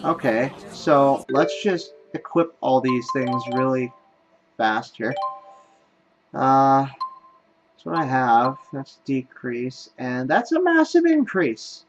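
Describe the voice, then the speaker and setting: A man narrates his own gameplay in a relaxed let's play, musing aloud as he goes. His mid-range voice is sing-song and unhurried, and the recording has its highs cut off.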